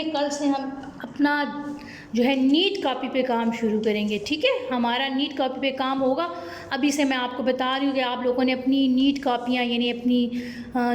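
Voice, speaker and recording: A woman's voice: high-pitched, reverberant. A woman teacher with a Pakistani Urdu accent, patiently spelling out words letter by letter for young children in an online class. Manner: slow, patient spelling out of letters, repeating "ठीक है?". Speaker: primary school teacher.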